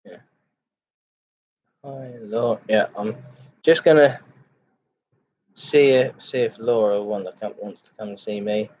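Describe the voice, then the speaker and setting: A man hosting a casual livestream chat, greeting viewers in a halting, repetitive way. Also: lowish voice, steady tone, darkish tone. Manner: halting, repeats phrases. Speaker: live streamer, host of a chat and ASMR stream. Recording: dull lo-fi microphone sound.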